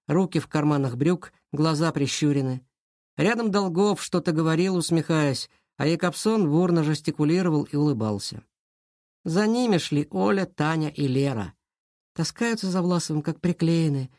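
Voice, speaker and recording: A reader narrating a children's school detective story in an even, lightly dramatic way. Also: medium pitch, dry recording, clean studio sound. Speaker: audiobook reader.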